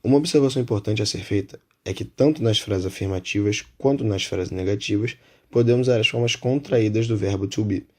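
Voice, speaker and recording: A man with a Brazilian Portuguese accent gives an explanatory lesson in a lowish, steady voice. He talks in a measured way and slows down to spell out each example. The tone stays that of a patient teacher walking through rules. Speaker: English teacher.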